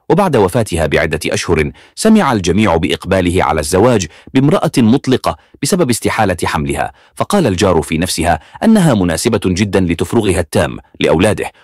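Quick, lively low-voiced male narrator. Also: dry recording, studio quality. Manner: brisk, lively narration of a true story. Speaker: storyteller. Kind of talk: scripted story narration.

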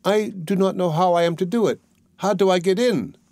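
A man's voice: sits high, fairly quick, vocal fry, a little mellow, no echo, voice pushed up. A man doing a young girl, Gretel. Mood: feigned innocence. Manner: pleading, earnest storybook child voice. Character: young girl, frightened but clever and brave.

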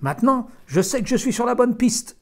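A man playing a stern, bitter farmer in a storybook reading, loud and curt. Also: sits high, expressive, a little fast, voice pushed up. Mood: urgent.

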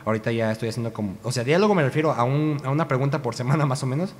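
A man's voice: medium pitch, rapid-fire, long reverb tail. A young man with a Mexican Spanish accent, an amateur voice actor rambling in a casual, self-correcting vlog chat on a cheap home microphone.

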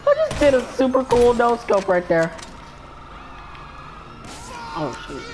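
A woman giving casual gameplay commentary, excitable and rambling, often stumbling and repeating her words. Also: fairly high pitch, slow, slight background noise, low-quality recording.

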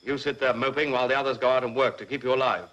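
An actor playing a stern colonel who gives strict, clipped orders to fellow prisoners in a film. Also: male voice, medium pitch, steady tone, very fast, fairly bright tone, muffled recording, close to an everyday voice. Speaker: senior officer in a prison camp.

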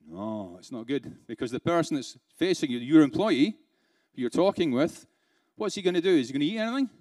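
A man's voice: fairly high pitch, sing-song, brisk, darkish tone. A man with a slightly raised voice delivers a keynote to a live audience. He is interactive and playful, firing rhetorical questions at the crowd and chuckling between points. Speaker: keynote speaker. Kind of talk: conference keynote speech. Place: conference hall with a live audience.

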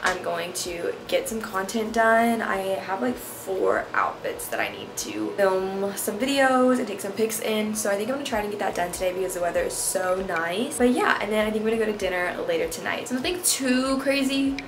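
Young American woman, chatty vlogger, medium pitch, casual phrasing, frequent "like", loud background noise. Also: animated, moderate pace, few pauses. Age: young adult. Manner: chatty, uses "like" often. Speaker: vlogger, college student. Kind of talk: casual vlog chat. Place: indoor rooms at home. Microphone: camera at arm's length or close by.

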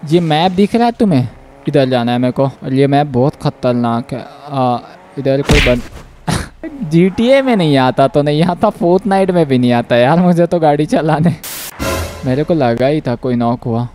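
A man giving playful, jokey gameplay commentary as a gaming channel host, with sudden bursts of yelling. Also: fairly high pitch, animated, normal speed, music in the background.

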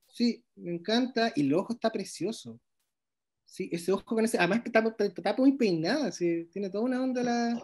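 A man leads an online illustration workshop and reviews his students' drawings one by one. He praises them eagerly and warmly, often stopping and restarting mid-sentence. His voice comes through a video-call microphone. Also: high voice. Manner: warm, enthusiastic praise with many restarts.

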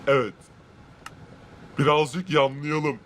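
A boastful, cruel rich man in a game role-play, voiced by a man, all smug gloating and shouted threats. The voice sits a touch above the usual male pitch. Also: steady tone, takes it slowly, a little hiss or hum. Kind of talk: Minecraft role-play commentary.

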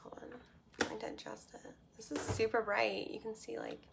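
A young woman with vocal fry, chatting casually on a livestream and answering comments haltingly into a handheld phone. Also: a little high, level tone, noisy background. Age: young adult. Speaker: livestream host and model. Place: small bedroom, indoors. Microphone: phone at arm's length.

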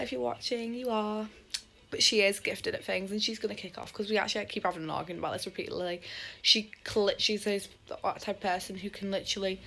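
A woman's voice: medium pitch, vocal fry, fairly bright tone. A young woman chats to her camera in a loose, rambling way, often poking fun at herself. Her voice sits in a middle register, and a faint hiss runs under the recording. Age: young adult. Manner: chatty, rambling, self-deprecating. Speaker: vlogger. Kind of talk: casual vlog chat. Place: at home, then outdoors.

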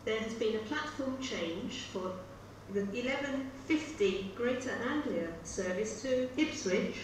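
Slow, echoey woman's train station announcement. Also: on the high side, animated, a little hiss or hum. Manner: formal, segmented announcement delivery. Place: train station, over public address speakers. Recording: echoey distant station tannoy with loud ambience.

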